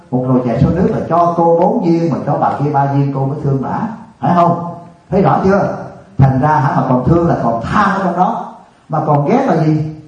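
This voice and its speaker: A man, a Buddhist monk teacher from Vietnam, giving a colloquial, animated sermon full of rhetorical questions. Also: on the high side. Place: retreat hall. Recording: distant, echoey, dull room recording.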